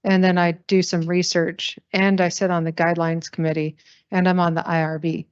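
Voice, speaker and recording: A woman's voice: on the low side, flat delivery, moderate pace, smooth, dry recording. A woman faculty senator and surgeon, candidly asking questions at a meeting in an auditorium. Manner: candid, slightly self-deprecating. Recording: dry, dull lo-fi sound.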